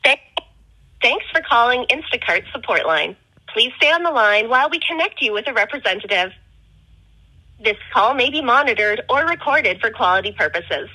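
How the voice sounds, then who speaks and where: This is a woman's prerecorded phone menu message, the kind that plays while a caller waits on hold. Her voice is bright and crisp and sits fairly high, and each scripted prompt is spoken slowly and evenly, with every word enunciated. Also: expressive, low-quality recording. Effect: recorded automated phone menu message.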